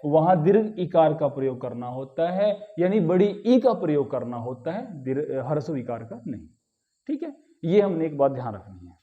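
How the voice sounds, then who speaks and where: A man's voice: a little high, narrow, tinny audio. A man teaching a grammar lesson, patiently repeating key words and asking the class rhetorical questions. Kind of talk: explanatory lesson.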